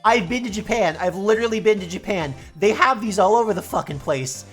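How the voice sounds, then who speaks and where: A woman's voice: brisk, soft background music. A woman from the United States playing and reading a game on stream, sarcastic and swearing freely in casual commentary. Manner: sarcastic, swears, jumpy pitch.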